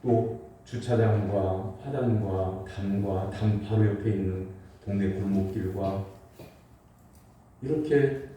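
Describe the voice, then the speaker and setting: A man's voice: lowish voice, dark tone, slight background noise. A male senior pastor giving a Sunday sermon through a face mask, telling stories and asking the congregation questions. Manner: storytelling preacher with rhetorical questions to the congregation. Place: large church sanctuary. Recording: echoey hall, from a distance.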